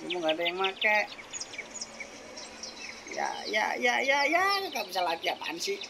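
A gaming channel host giving casual, excitable commentary while playing, with frequent exclamations and laughs. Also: mid-range voice, normal speed. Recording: loud background noise with birdsong.

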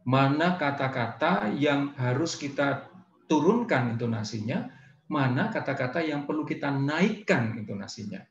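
A man with a gravelly, fry-edged voice leads a training session on public speaking, chatty and unhurried as he turns now and then to show how intonation shifts meaning. The sound is dull and lo-fi, with a roomy echo around him. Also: medium pitch. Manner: relaxed, conversational, with demonstrations of intonation.

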